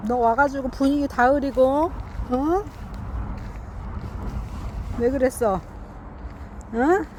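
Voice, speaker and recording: A middle-aged woman outdoors, talking to stray cats in a coaxing, teasing baby-talk way with soft laughs. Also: high voice, slow, a little hiss or hum. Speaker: cat feeder vlogger. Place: outdoors among grass.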